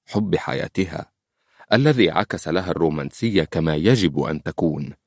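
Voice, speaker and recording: Deep male Egyptian audiobook reader, steady storytelling, dry booth. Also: dry recording. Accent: Egyptian Arabic. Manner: measured, storytelling. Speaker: audiobook narrator. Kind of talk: audiobook narration.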